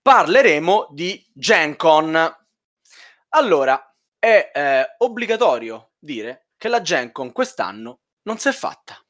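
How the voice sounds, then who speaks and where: A man's voice: a little high, big pitch swings, takes it slowly, a bit bright. A man hosting a podcast in casual chat, with a playful, teasing manner. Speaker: podcast host.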